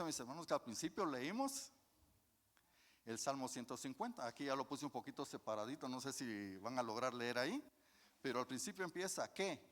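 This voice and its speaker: A man's voice: medium pitch, a bit bright. Folksy preacher man in a reverberant church. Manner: folksy, addresses the congregation as brothers, asks and answers questions. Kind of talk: sermon. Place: church hall.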